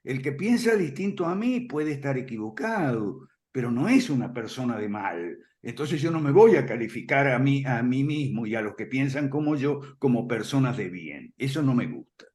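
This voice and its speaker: A man explaining ideas in conversation, firm and emphatic, often checking in with a quick "ok?" and soft chuckles. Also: medium pitch, lively intonation. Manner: emphatic, repeats points firmly. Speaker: guest speaker on classical liberalism.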